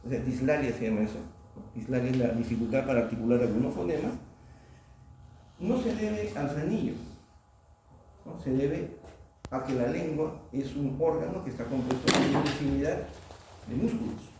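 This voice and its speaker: A man's voice: mid-range voice, moderate pace, pauses often, a little mellow. A man giving a classroom lecture and often quizzing the class with a questioning "¿no?". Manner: asks the class questions, tag "¿no?". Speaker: oral surgery lecturer. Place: lecture room. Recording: very echoey lecture hall from far off, faint noise.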